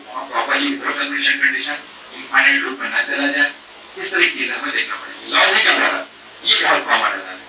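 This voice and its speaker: In an echoey room, a professor running a faculty workshop lectures on programming errors in a fairly high, bright, forceful voice, recorded from a distance with slight background noise on a rough recording. He poses rhetorical questions, uses homely food analogies, and mixes English technical phrases into his Hindi.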